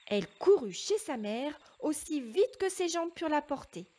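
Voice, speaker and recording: A woman narrating a children's fairy tale with slow, expressive storytelling. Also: sits high.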